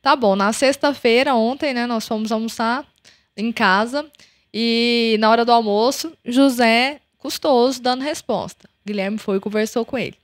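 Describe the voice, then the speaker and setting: Brazilian woman podcast host, kinda high voice, dry sound, acts out all the quotes in her story. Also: normal speed, no room sound. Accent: Brazilian Portuguese.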